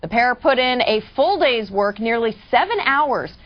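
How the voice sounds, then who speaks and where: A woman reading news headlines in a measured, composed way on a morning TV show. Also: on the high side, lively intonation. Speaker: news anchor. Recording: dull lo-fi TV broadcast audio.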